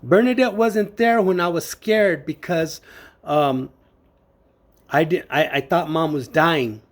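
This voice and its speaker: Earnest man giving halting court testimony. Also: fairly high pitch. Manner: earnest, halting, many fillers and restarts. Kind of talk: spoken testimony to a judge.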